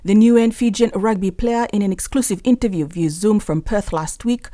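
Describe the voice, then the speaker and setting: Woman doing a news voiceover, warm mellow voice, dry studio sound. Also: medium pitch, normal speed, dry recording. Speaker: news reporter. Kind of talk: scripted news voice-over.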